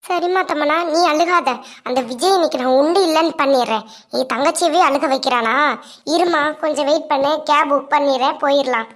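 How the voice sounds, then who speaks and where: A woman's voice: sits high, brisk, fairly bright tone. A woman voicing a scheming, two-faced young woman in a cartoon, with sly gloating asides. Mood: bossy. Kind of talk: cartoon voice acting.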